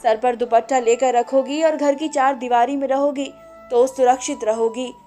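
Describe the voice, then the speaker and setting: A woman narrator voicing a gentle, sorrowful mother who speaks tenderly to her small child. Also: sits high, steady tone, moderate pace, soft background music, close to an everyday voice.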